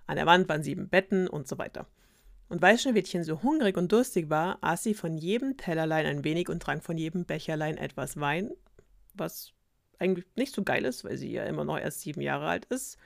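A woman's voice: low-pitched, animated, a little fast, vocal fry, dry recording, clean studio sound. A woman retelling a fairy tale casually, with ironic, slangy asides. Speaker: storyteller.

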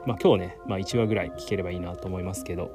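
This man is the host of a solo talk program, giggly and self-amused as he drifts casually from topic to topic. Speaking low-pitched and racing along with fairly even intonation, he is accompanied by background music.

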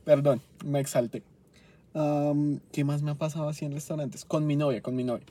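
A young man from Bogotá vents about bad service in a loose, swear-filled rant and keeps flaring up with exasperation. His voice sits a bit high, with a mellow, slightly husky tone. He records from inside his car. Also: steady tone. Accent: Colombian Spanish, Bogotá. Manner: profane, exasperated, quick to flare up. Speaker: podcast host. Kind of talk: casual storytelling rant.

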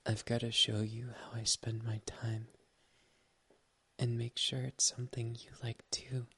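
A speaker performing an ASMR roleplay as a doting partner, whispering softly, close to the mic, affectionate and teasing. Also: medium pitch, little pitch movement, measured pace, slightly rough. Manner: soft, intimate whispering.

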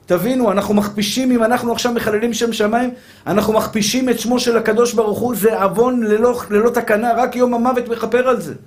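A man's voice: very high voice, steady tone. A man, a rabbi, preaching a fervent sermon that repeats its points, stumbles on restarts and calls his listeners brothers.

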